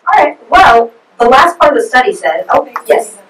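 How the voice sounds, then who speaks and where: A student presenter leads a forum discussion, asking for comments and answering questions in a conversational way that steers the talk. Her voice sits high and is very animated and a bit bright, at normal speed. She's recorded from far off in an echoey room, with a little hiss or hum.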